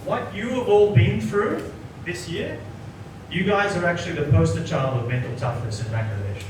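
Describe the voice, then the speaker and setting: A man's voice: sits high, lively intonation, moderate pace. A man in his forties, from Sri Lanka, a psychologist giving a workshop lecture who keeps checking in with the audience by asking "right?". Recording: echoey room, voice from a distant mic, noticeable background noise.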